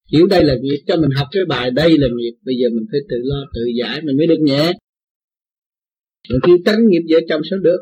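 A man with a Southern Vietnamese accent teaches his followers in a blunt, folksy way, full of anecdotes. His voice sits a little high and sounds husky. The recording is dull and lo-fi. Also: darkish tone. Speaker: spiritual teacher. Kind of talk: informal religious talk to followers.

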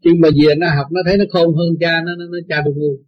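Blunt Southern Vietnamese male teacher, husky. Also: a little high, little pitch movement, fast. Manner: blunt, folksy, tells anecdotes. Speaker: spiritual teacher. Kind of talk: informal religious talk to followers. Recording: dull lo-fi recording.

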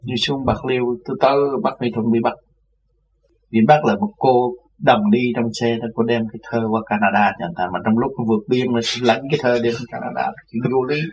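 A man's voice: mid-range voice, steady tone, brisk, a little mellow. A man, a religious teacher, tells his story in a loose, repetitive way. He is recorded from a distance on a dull, muffled mic with a faint hiss behind him. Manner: rambling, repeats words, acts out others' voices. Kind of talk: casual spoken recollection.

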